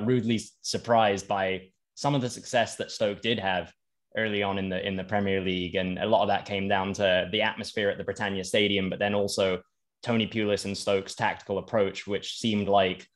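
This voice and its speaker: A podcast host with a lowish voice sets up long, winding questions for his guest. He restarts his phrases often and circles back before landing the point. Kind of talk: casual interview questions.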